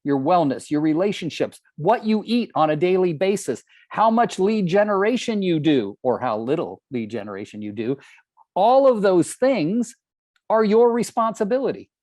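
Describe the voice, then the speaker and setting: A man's voice: high-pitched, sing-song, moderate pace, darkish tone, dry recording, studio quality. A man in his sixties from California, giving an earnest, emphatic motivational training talk to real estate agents, often asking the audience questions. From California, United States.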